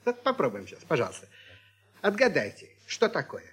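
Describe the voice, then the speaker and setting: A man's voice: a little high, huge pitch swings, a little fast, a bit bright, slightly rough, faint music behind. A middle-aged man hosting a scripted children's radio comedy as a teacher, lecturing his pupils in a mock-stern, ironic way.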